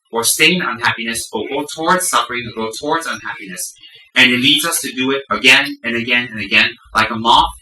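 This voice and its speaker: Bright, emphatic male Buddhist teacher. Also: mid-range voice, slight background noise. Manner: emphatic, piles up repeated words for stress. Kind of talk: live dharma talk to an audience. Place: room with a live audience. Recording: echoey room, voice from a distance.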